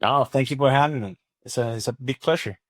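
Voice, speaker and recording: A man's voice: mid-range voice, fairly quick, a bit bright, no room sound. A Venezuelan man with a Venezuelan accent and Spanish as his first language, talking conversationally and emphatically as an interview guest, often repeating himself. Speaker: podcast guest, language company chief and teacher.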